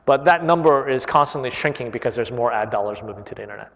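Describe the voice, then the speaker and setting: A Korean man in his thirties, an internet company chief executive who isn't a native English speaker, answers audience questions at a live Q&A in a large public library hall. He's casual and chatty, full of "right?" and "uh," with a mid-range, creaky, fairly bright voice and a quick pace. The hall recording is dull, with long reverb.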